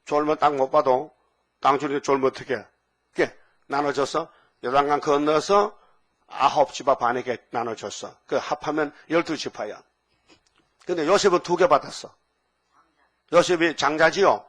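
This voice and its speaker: An older man preaching a sermon in an animated way, breaking into acted-out dialogue between biblical characters. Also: on the high side, normal speed, long pauses. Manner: animated, acts out biblical characters in lively voices.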